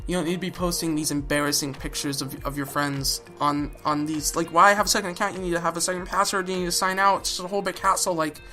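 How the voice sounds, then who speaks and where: Young woman, reaction host, blunt, swearing, sarcastic, lower voice, crisp and bright. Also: level tone, quick pace, hardly any pauses. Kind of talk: casual reaction commentary. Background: background music.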